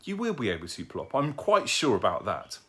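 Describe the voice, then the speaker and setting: A man's voice: mid-range voice, huge pitch swings, fairly quick, sharp tone, voice pushed up. A man voicing a tired, patient mother owl who speaks firmly and motherly. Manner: firm, motherly.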